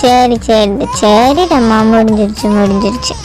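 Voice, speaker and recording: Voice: medium pitch, expressive, a little slow, over music, lightly acted. A performer voicing a bossy, fussy old grandmother who scolds and coaxes while bathing babies, in a doll play-acting drama. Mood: coaxing.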